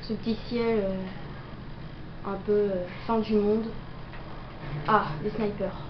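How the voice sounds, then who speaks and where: Taking it slowly, a young gameplay video maker delivers flat, medium-pitched commentary off the cuff, hesitant and full of fillers. She has a cold and keeps coughing. Her audio sounds roomy and dull, with lo-fi noise.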